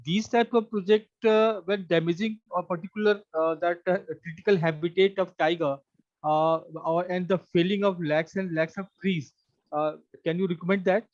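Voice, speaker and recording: A man's voice: high-pitched, fairly even intonation, normal speed, no echo. A man with an Indian accent puts formal, probing questions as a mock interview panelist, often repeating and rephrasing them. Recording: dull, lo-fi dry audio.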